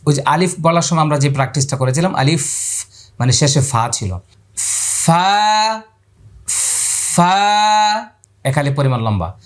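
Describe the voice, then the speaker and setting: A man teaching Quran pronunciation, repeating letter sounds aloud and asking viewers to watch his mouth. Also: mid-range voice. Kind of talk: spoken lesson on letter pronunciation.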